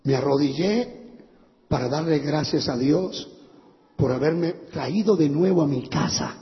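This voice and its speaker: High-voiced impassioned preacher in a hall. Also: male voice, a little slow. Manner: impassioned preaching with shouted praise. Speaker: pastor. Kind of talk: sermon. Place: large church hall. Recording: dull echoey church hall recording.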